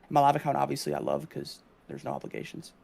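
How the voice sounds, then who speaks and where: Young man, rapid speech, vocal fry, casual livestream trading explanation, repetitive explanatory manner. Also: on the high side, monotone, a little mellow. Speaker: live trading streamer.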